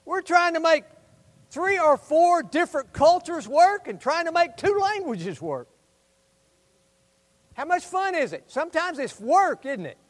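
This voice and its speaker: A man preaching a sermon as a pastor, fervent and exhortative, appealing directly to his listeners and swinging between loud emphasis and hushed asides. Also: very high voice. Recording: hall reverb.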